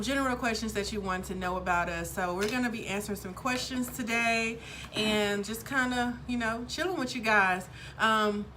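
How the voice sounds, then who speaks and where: Woman, 30s, casual vlogger, bright upbeat delivery, chatty with fillers, light hiss. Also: medium pitch. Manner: upbeat, chatty, lots of ums. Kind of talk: casual chat to camera.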